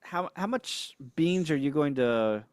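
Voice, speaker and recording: A man's voice: on the high side, lively intonation, a little slow, clear, resonant tone, no room sound. A man co-hosting a ham radio livestream in casual chat. He is laid-back, chuckles often and reads viewer comments aloud. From United States.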